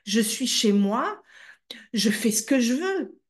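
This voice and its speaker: A woman voicing a harsh, exhausted mother of five who scolds her son in coarse, drawn-out words. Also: a little high, sing-song, voice pushed up. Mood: scolding.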